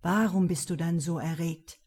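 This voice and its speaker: A woman's voice: steady tone, normal speed, a little mellow, slightly rough. A woman reading a hard, domineering man. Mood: taunting. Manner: low, hard, taunting tone. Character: domineering, commanding man, a husband.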